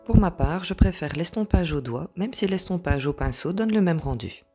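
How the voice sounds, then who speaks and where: Calm French-speaking woman explaining crafts. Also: fairly low pitch, normal speed, breathy edge, faint music behind. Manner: calm, step-by-step explaining with some hesitations. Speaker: craft tutorial host. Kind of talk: art journal tutorial narration.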